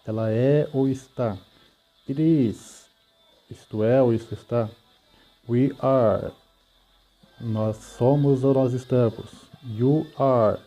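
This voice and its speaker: A man's voice: medium pitch, fairly even intonation, slow pace, pauses often, mellow, soft background music. A man with a Brazilian Portuguese accent teaching an English grammar lesson, patiently explaining and checking often that students follow.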